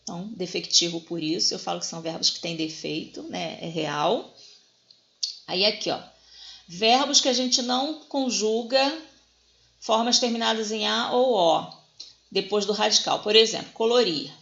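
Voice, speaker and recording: A woman's voice: mid-range voice, normal speed, creaky, a bit bright. A woman with a Brazilian Portuguese accent teaching a grammar lesson, explaining step by step and often checking in with her students. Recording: dull lo-fi recording.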